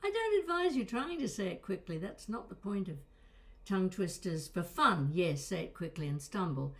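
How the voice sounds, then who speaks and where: Talking informally to camera, an older woman who works as a voice coach and presenter gives a lesson that is conversational, digressive and sprinkled with wry asides. Her fairly low voice swings widely in pitch at a normal speed, with a slight crackle and small breaks.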